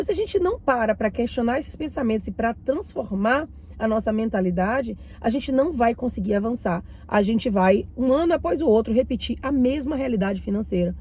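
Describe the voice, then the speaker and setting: A mindset and finance channel host from Bahia, speaking with a Bahian Brazilian Portuguese accent, chats warmly to camera while reading and commenting on a book, still getting over a cold. She addresses her viewers directly in a voice on the high side with a breathy edge.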